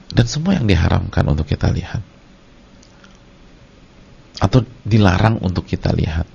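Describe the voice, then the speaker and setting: A middle-aged man, an Islamic preacher giving a lecture to his congregation in a lively, storytelling way. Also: low-pitched, moderate pace. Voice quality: gravelly, husky. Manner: lively storytelling, acts out short scenes. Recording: dull lo-fi lecture recording.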